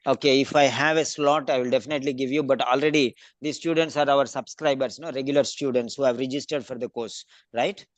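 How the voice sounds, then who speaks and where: A man runs an online speaking class over video call, briskly calling on students by name to get their feedback. His voice is medium-pitched and steady, with no echo on the audio.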